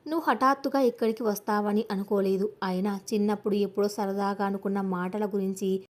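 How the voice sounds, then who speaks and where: A woman's voice: medium pitch, steady tone, fairly quick, natural voice. A woman narrator voicing a meek, frightened older father who pleads in a trembling voice. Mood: pleading.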